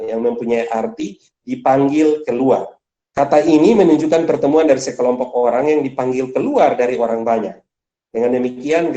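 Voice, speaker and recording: A man giving a Bible study lesson, explaining word by word, often adding a questioning "ya" and stressing key words with a sharp rise in pitch. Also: echoey room. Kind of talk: church teaching session.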